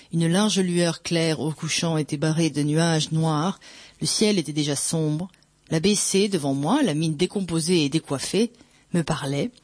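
A reader narrating a first-person literary novel aloud in a slow, measured, dramatic way. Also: mid-range voice, a little mellow, no room sound. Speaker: audiobook reader.

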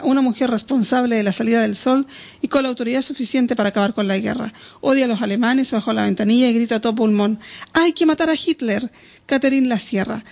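Gravelly woman narrating an audiobook. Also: on the high side. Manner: steady, descriptive reading.

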